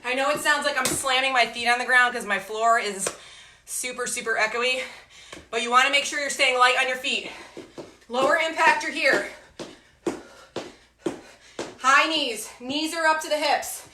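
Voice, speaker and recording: A woman's voice: high voice, moderate pace. A woman coaching a live online home workout, out of breath, with urgent, encouraging gym-coach calls in a very echoey room. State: out of breath from exercise. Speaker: fitness instructor leading a home workout. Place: echoey indoor room with hard floor at home. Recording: very echoey room, faint noise.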